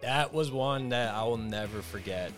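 A young man hosts a casual sports betting show and tells his stories with excitable, animated energy. His voice sits in a middle pitch. A faint music bed plays underneath. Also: moderate pace. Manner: animated storyteller, excitable, mimics shouting. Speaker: host.

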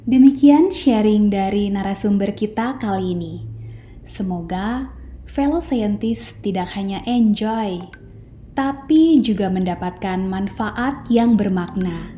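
Slow, mellow woman reading an outro. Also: mid-range voice. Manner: slow, deliberate, spells things out. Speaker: podcast host reading outro. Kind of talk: scripted outro narration. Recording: echoey room with faint noise.

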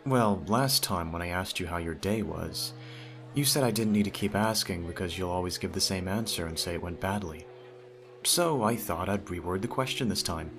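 A man with a low voice, speaking at normal speed over music, plays a smitten teenage childhood friend in an ASMR audio roleplay. He talks straight to the listener in a casual, teasing, conversational way.

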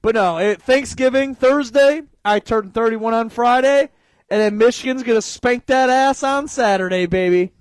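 High-voiced excitable man. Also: normal speed, clean tone, dry recording. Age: 30s. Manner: excitable, swearing, often shouting with excitement. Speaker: podcast co-host. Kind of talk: casual sports chat.

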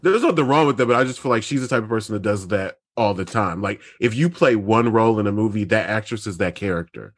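Male co-host, lowish voice, emphatic casual talk. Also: fast talker, hardly any pauses, no echo, studio quality. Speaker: podcast co-host. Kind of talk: casual chat.

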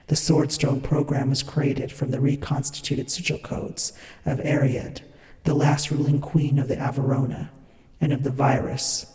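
A man's voice: medium pitch, a little mellow, natural voice. Echoing collective voice of a man from far away. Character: many beings speaking as one, reading a file. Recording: far, echoey long reverb.

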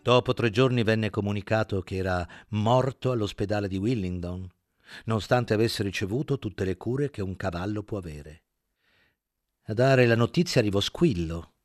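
A man narrating an audiobook in a dramatic, measured way. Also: lowish voice, no room sound. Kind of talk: scripted narration.

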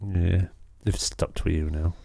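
A young man with a gravelly voice, chatting and telling anecdotes as a sweary podcast host. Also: low-pitched, fairly even intonation, unhurried, warm tone, dry recording, clean studio sound. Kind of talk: casual banter and anecdotes.

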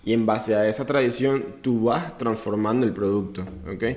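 A man's voice: lowish voice, normal speed, a little mellow. A man co-hosting a casual podcast, stating opinions firmly and punctuating them with short tag words. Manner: firm, opinionated, punctuates with "¿ok?" and "punto". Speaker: podcast co-host.

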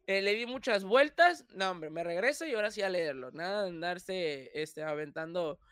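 Young Mexican man, high voice, animated and laughing, guest in a chat, dry close recording. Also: normal speed, smooth, no room sound. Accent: Mexican Spanish. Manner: animated, laughs often, restarts phrases. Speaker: YouTuber guest. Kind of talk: casual interview chat.

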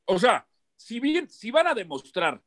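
A man's voice: extremely high pitch, very animated, measured pace, a loud crowd. A man giving heated, emphatic football commentary on a panel, often repeating himself as he argues. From born outside Mexico. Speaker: football pundit.

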